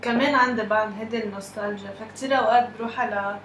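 A woman's voice: fairly high pitch, steady tone, very fast, a bit bright. A woman with a Lebanese Arabic accent casually telling a personal story, mixing English words into her Arabic. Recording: echoey room, faint background noise.

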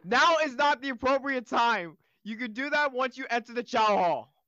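A woman's voice: fairly high pitch, animated, normal speed, fairly bright tone, no echo, muffled recording. A woman playing a stern, exasperated training officer who scolds her cadets sarcastically. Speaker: officer in a comedy skit.

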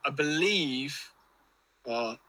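A man's voice: medium pitch, expressive, very slow, background noise. A man with an English accent chatting casually and telling rambling anecdotes with British slang.

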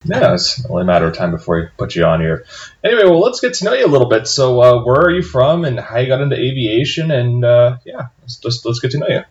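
A man's voice: mid-range voice, big pitch swings, fast. A man hosting a podcast, talking in a friendly, loose way with many uhs and restarts. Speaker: podcast host. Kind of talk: casual interview hosting. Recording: dull lo-fi audio.

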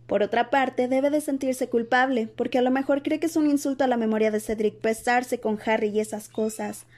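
A woman's voice: sits high, mellow, pitched above the performer's own voice, lightly acted. A woman voicing a clever, bossy teenage schoolgirl in a dramatized audiobook reading, earnest and patiently explaining.

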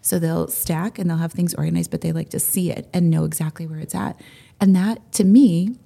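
Forties woman, raspy co-host, chatty and self-deprecating, gravelly low register. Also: steady tone, brisk, warm tone. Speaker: podcast co-host. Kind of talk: casual chat.

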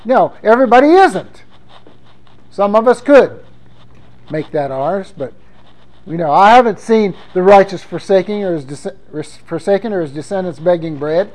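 High-voiced male pastor preaching. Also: expressive, moderate pace, rough recording. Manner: conversational preaching, reading scripture aloud with emphasis. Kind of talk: sermon.

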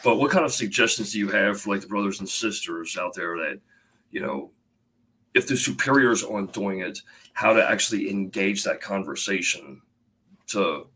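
A man's voice: low voice, animated, bright, forceful tone, slightly rough, poor audio. A man hosting a live video-call show, chatting casually and repeating words as he gathers his thoughts. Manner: halting, repeats words while thinking aloud. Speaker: livestream show host. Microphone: computer mic on video call.

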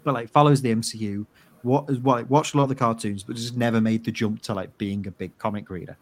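A man co-hosting a podcast in casual chat, rambling and excitable, full of fillers. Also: medium pitch, fast talker. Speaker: podcast co-host.

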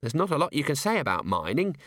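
A man's voice: medium pitch, sing-song, fast, fairly bright tone, dry recording, clean studio sound, pitched above the performer's own voice. A man voicing an earnest, timid young female dwarf in a raised, hesitant voice. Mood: earnest, fretful.

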